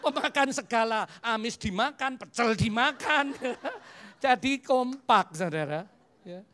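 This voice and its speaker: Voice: mid-range voice, measured pace. A preacher in their fifties with a Javanese accent, giving a humorous sermon built on personal stories. They act out little dialogues and drop English phrases into the talk. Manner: animated storyteller who acts out dialogues and mixes in English phrases.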